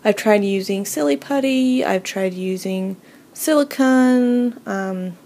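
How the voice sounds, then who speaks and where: A woman hosting a casual, unscripted craft tutorial, talking informally and haltingly as she thinks aloud. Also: medium pitch, dark tone. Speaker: hobby video host. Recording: noisy home recording.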